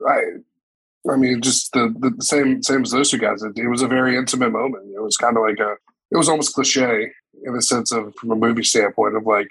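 Wry, slightly husky man on a podcast. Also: mid-range voice, steady tone, brisk, a bit bright, low-quality recording. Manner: wry, hesitant, joking. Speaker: podcast panelist. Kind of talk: casual roundtable discussion.

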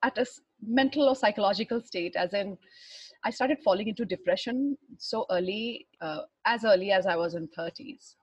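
A middle-aged woman from Bihar with an educated Indian accent, telling her life story in a halting, reflective way, searching for words. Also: medium pitch, breathy edge, no echo, lo-fi sound. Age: 40s or older. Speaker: interview guest, runner and fitness trainer. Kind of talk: personal life story in conversation.

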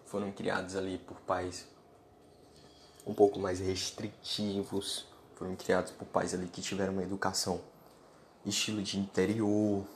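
A man's voice: deep voice, little pitch movement, moderate pace. A man speaks into a close podcast mic. He lectures bluntly and informally, talking straight at the listener in a solo monologue. A faint hum of ambient noise sits under his voice. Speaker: podcast host.

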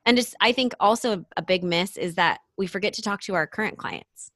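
Young female podcast host, loose and chatty, filler-heavy, medium pitch. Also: brisk, fairly bright tone, dry recording, studio quality. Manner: chatty, lots of "like" fillers, laughs often. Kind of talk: casual chat.

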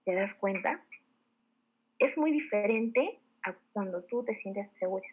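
A woman leading a network marketing team, giving an animated motivational talk full of rhetorical questions and direct appeals to her listeners. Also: mid-range voice, a little slow, slightly rough. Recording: tinny phone-like audio.

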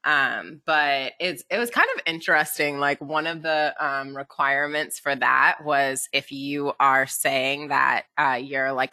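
Woman chatting on a podcast, super bright voice, dry close sound, laughs a lot. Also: low-pitched, no room sound. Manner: chatty, laughs often, trails off with fillers. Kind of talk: casual podcast chat.

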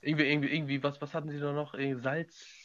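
A man's voice: on the high side, little pitch movement, rapid-fire, highs cut off, crowd noise. A man co-hosting a podcast in casual chat, agreeable and affirming, with hesitant fillers. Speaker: podcast co-host.

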